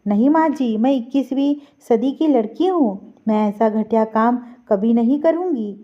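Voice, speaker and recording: A young, educated bride from an audio story who speaks firmly and resolutely, read by a woman. The voice is high. The recording is dull and lo-fi. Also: normal speed, close to an everyday voice. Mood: defiant. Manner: firm, resolute.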